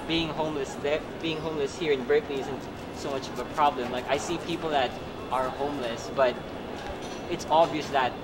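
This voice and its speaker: Higher-voiced man from the Philippines, street interview. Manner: thoughtful, searching for words. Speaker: student interviewee. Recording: loud street noise.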